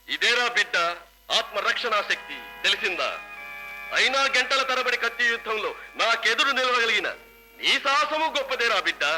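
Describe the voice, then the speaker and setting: A man's voice: high voice, sharp tone, poor audio. An actor playing a ruthless male bandit chief in a 1970s film, commanding, menacing and gloating. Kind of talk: 1970s Telugu film acting.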